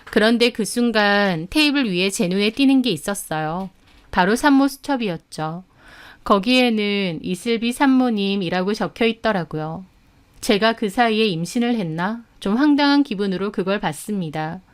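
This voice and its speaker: A woman's voice: medium pitch, lively intonation, normal speed, clear, resonant tone. A woman narrating a first-person drama story in an indignant, dramatic tone.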